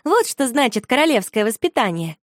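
A woman voicing a polite, sensible girl who explains things softly and patiently. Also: fairly high pitch, big pitch swings, brisk, dry recording, clean studio sound, pitched above the performer's own voice.

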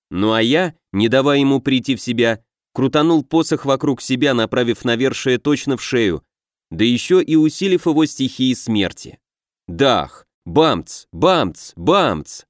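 A man narrates a first-person adventure audiobook with a brisk, wry delivery. His middle-pitched voice sits close to the mic in a dry, dead room. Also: no echo.

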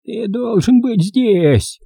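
A man voicing a fanatical old woman teacher with a creaky, grating voice, read in a close, dry audiobook recording. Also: high-pitched, expressive, takes it slowly, warm tone, dry recording, pitched above the performer's own voice, heavily acted.

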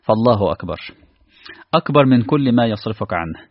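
A man with an Egyptian accent preaching a sermon, animated and asking his listeners rhetorical questions. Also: lowish voice, fast, no echo. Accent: Egyptian Arabic. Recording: dull, lo-fi dry recording.

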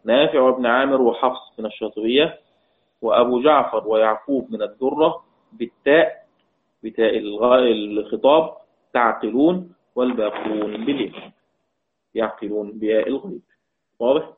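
A man teaching a recorded lesson on Quran recitation. He repeats key lines and quizzes his students, and chants the quoted verses slowly. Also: medium pitch, slight background noise. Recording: tinny phone-like audio.

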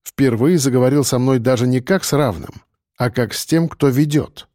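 A man narrating a tense first-person audiobook in a steady storytelling manner. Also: medium pitch, normal speed, no echo, clean studio sound.

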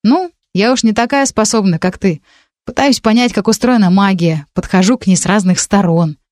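A woman's voice: mid-range voice, moderate pace, darkish tone, dry recording, studio quality, close to an everyday voice. A woman voicing Marina, a stubborn teenage witch girl who talks defensively and reasons her way out. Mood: placating. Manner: defensive, reasoning, a bit sulky.

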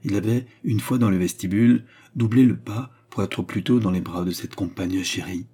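Dark husky male audiobook narrator. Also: on the low side, normal speed. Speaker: audiobook reader. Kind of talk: scripted novel narration.

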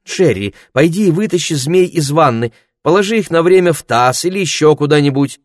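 A man's voice: fairly high pitch, animated, brisk, no echo, studio quality, voice pushed up, natural voice. A man doing a cooing, fussy mother. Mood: soothing, fussing. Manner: soothing, absent-minded cooing. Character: fussy soothing mother, middle-aged woman.

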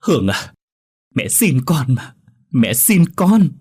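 A man voicing a gentle, nagging middle-aged mother who pleads with her daughter, in a spoken horror story. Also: lowish voice, expressive, brisk, husky. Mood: pleading.

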